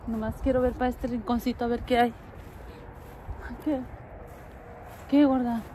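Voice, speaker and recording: Recorded on a noisy handheld phone, a woman chats casually for her walking vlog while wandering past stone ruins and along a park path. She moves back and forth between Spanish and English. Her voice sits on the high side yet sounds dark, with a level tone and moderate pace.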